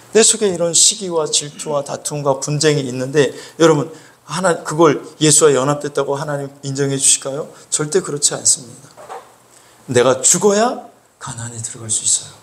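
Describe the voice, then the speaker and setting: A man preaching a Sunday sermon as pastor, animated, acting out scolding voices and prompting the congregation with frequent interjections. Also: mid-range voice, brisk. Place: church sanctuary.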